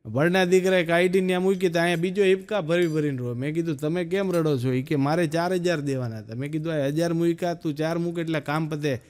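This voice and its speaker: A man with a Gujarati accent telling stand-up jokes, storytelling and acting out quick dialogue. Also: a little high, a little mellow. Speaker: stand-up comedian.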